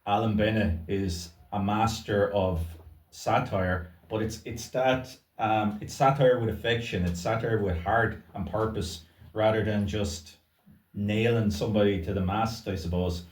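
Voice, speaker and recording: A man with an Irish accent, a bookseller co-hosting a casual book chat, talking thoughtfully with pauses and easy laughs. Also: fairly low pitch, fairly even intonation. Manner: thoughtful, hesitant, laughs easily. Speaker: bookseller, co-host. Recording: roomy sound, distant mic.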